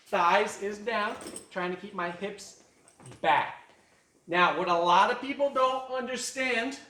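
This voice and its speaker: A high, sharp-toned man coaches a stretching class at a fitness studio, joking and counting down with upbeat energy. The recording is roomy and captured from a distance.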